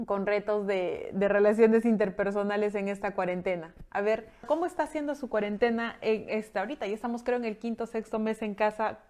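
A young woman speaks to her live-stream audience in a relaxed, reflective manner. She often pauses on little fillers. Her voice sounds warm and mellow. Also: mid-range voice. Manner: conversational and reflective, with many fillers. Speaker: speaker talking to live viewers.

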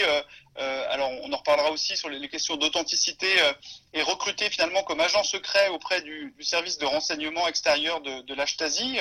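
A man, a history professor, answering interview questions in a halting way with many fillers and restarts. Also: a little high, pushed and bright, low-quality recording.

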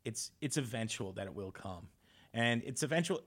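A man's voice: medium pitch, expressive, moderate pace. A man co-hosting a casual sports podcast, talking loosely with restarts and frequent laughs. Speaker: podcast co-host.

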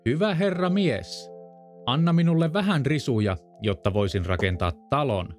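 A man voicing a small, stubborn little pig in a storybook reading, raising his voice and slowing down. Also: mid-range voice, expressive, soft background music, voice pushed up, natural voice. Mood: pleading. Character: small clever male piglet, brave and stubborn.

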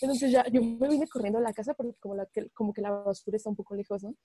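A woman's voice: a little high, very fast, noisy background. A young woman with a Mexican Spanish accent, telling an anecdote expressively in a casual chat with friends. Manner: expressive storyteller.

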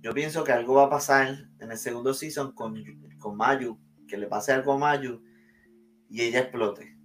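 A man's voice: mid-range voice, steady tone, moderate pace, soft background music. A man hosting a casual anime discussion, steering the talk with questions in a conversational way. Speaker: host.

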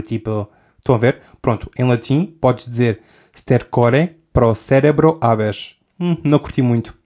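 A young man with a European Portuguese accent and a mid-range, slightly mellow voice hosts a podcast. He laughs often during his casual, rambling comic monologue and frequently interrupts himself.

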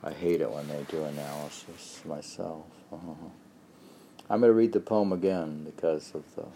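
A man reading a poem aloud at home, pausing to comment on the lines as he goes. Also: rumbling low, fairly even intonation, mellow, a little hiss or hum. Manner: reads verse slowly, breaks off to comment. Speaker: poetry reader.

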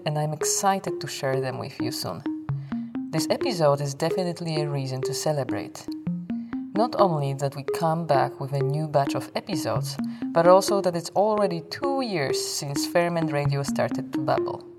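Low-pitched female podcast host, earnest scripted intro, music playing loud underneath. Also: moderate pace.

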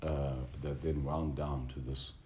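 A man with an extremely deep, mellow voice delivers a reflective, unscripted lecture. His phrasing is donnish and formal, with searching academic hesitations. The room is echoey. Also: flat delivery, measured pace. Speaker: religious teacher lecturing a group. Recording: roomy echo with background noise.

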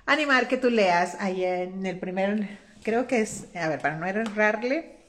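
A woman's voice: mid-range voice, unhurried, a little hiss or hum. A woman giving a conversational Bible teaching, retelling the story folksily and tagging her sentences with little checks to the listener. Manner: folksy, constantly adds "¿verdad?"; expressive retelling with quoted voices.

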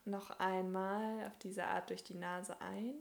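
A woman with a mid-range, creaky voice leads a yoga relaxation session. She speaks soothingly and calmly, using short phrases broken up by long pauses.

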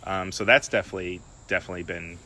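A man talking in a relaxed, rambling way in a casual podcast chat, swearing now and then. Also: low voice, rapid-fire, gravelly, slight background noise.

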